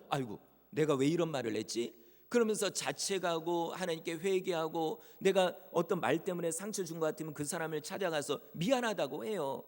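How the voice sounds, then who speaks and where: A man's voice: on the high side, big-room sound. A male pastor preaching a Sunday sermon with emphatic delivery and acted quotes.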